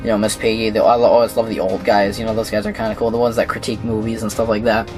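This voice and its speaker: A man's voice: lowish voice, flat delivery, rapid-fire, a little mellow, soft background music. A young man from Minnesota answering viewer questions in a casual, rambling vlog, with lots of fillers and restarts. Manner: rambling, many fillers and restarts, chuckles at himself. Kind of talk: casual Q&A monologue.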